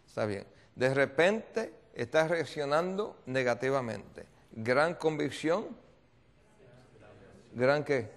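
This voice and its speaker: A man's voice: mid-range voice, expressive, slow. A male pastor preaching a seminar sermon, telling a story and repeatedly quizzing his audience with call-and-response questions. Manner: storytelling with acted voices.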